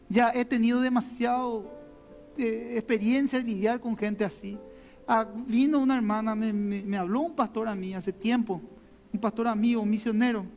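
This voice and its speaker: Faint music and long hall reverb surround a very high-pitched, slightly mellow male voice in a church sanctuary. The speaker, a pastor with a Paraguayan Spanish accent, gives a chatty sermon built on personal stories, frequently repeating words and talking directly to the congregation.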